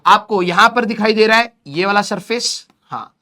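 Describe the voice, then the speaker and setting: A young man teaching a recorded physics lecture with a sore throat, speaking slowly, repeating key terms and asking questions he then answers himself, slipping English phrases into his talk. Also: high voice, steady tone, bright, forceful tone. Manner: mixes English phrases into Hindi.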